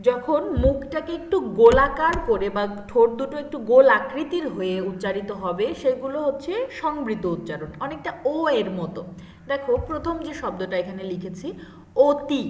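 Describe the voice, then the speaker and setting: Lady teacher going through a lesson, checks in with students a lot, roomy echo. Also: high voice. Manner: explains step by step, asks the students questions. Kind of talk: classroom grammar lesson. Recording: echoey room with long reverb.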